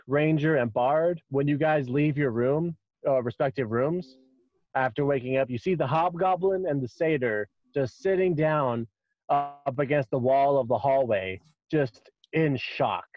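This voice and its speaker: A man improvising narration as a tabletop game master, haltingly, often repeating phrases. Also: a little high, dry recording, muffled recording.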